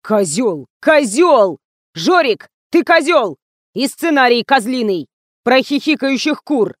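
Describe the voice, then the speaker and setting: A woman voicing a hot-tempered male TV director who barks orders and yells at his crew, in a storybook reading. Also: fairly high pitch, expressive, dry recording, clean studio sound, close to an everyday voice. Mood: furious. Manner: yelling, bossy, quick-tempered.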